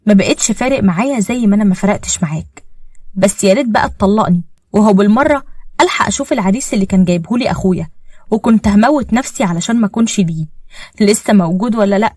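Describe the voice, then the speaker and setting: A woman with an Egyptian accent voicing a hurt, defiant young wife who answers with sharp reproaches. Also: mid-range voice, very fast, dry recording, lightly acted. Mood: bitter.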